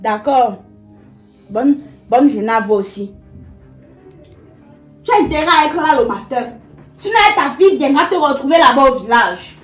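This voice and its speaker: A woman's voice: high-pitched, expressive, moderate pace, long pauses, faint music behind. An actress playing a tired woman pleading with her uncle, insistent and exasperated.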